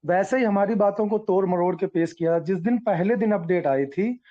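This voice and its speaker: A man's voice: high voice, normal speed, mellow. Earnest man on a muffled call. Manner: earnest, repetitive, explains with examples. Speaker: team leader addressing members. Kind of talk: online group call talk.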